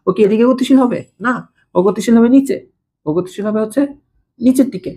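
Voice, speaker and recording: A woman's voice: a little high, fairly quick, mellow, breathy edge. Woman teaching physics, checking in often. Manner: conversational, keeps checking understanding with questions; repeats key terms for students to note down. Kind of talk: recorded video lecture for school students.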